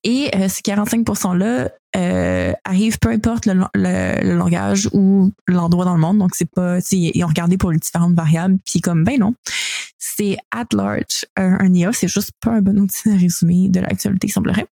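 A woman's voice: mid-range voice, moderate pace, gravelly, mellow, no room sound. A woman with a Quebec French accent hosting a casual news discussion, informally mixing English words into her French. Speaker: podcast host; teacher.

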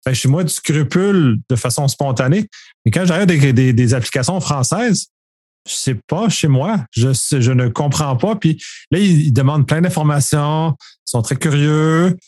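A man's voice: fairly high pitch, expressive, normal speed, a little mellow, dry recording. Man with a dry close voice. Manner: thoughtful, searching for words. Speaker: podcast co-host. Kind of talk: casual discussion.

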